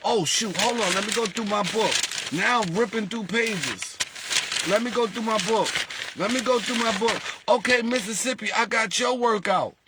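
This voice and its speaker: A high-voiced man speaks at normal speed to the followers of his lottery group, and the recording is very noisy. In a casual, animated manner he asks rhetorical questions and impersonates callers.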